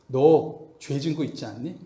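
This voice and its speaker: A man's voice: mid-range voice, normal speed, mellow, pitched below the performer's own voice, lightly acted. A man voicing Job's old friends, who scold him and press him to repent, within a sermon retelling. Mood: accusing. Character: Job's old friends, self-righteous and accusing. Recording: echoey room.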